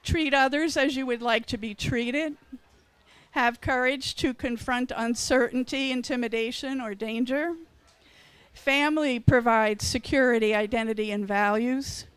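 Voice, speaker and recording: Smooth-voiced older woman author. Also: fairly high pitch, fairly even intonation, a little slow, no echo, poor audio. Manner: earnest, reflective, reads in short list phrases. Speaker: author and retired educator. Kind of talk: reading at a book expo.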